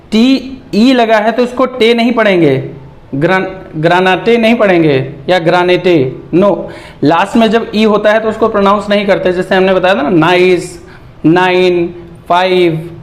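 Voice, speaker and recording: A man teaching English reading as a lesson, breaking words into sounds and repeating syllables slowly and patiently. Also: high voice. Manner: patient, checks in with "okay?". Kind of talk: explanatory lesson.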